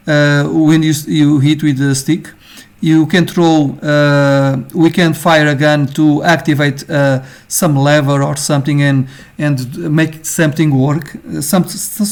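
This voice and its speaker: Portuguese-accented male teacher, slightly high voice, casual halting lesson delivery. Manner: halting, many fillers, ends phrases with "okay?". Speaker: game design teacher. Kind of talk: informal screen-share lesson.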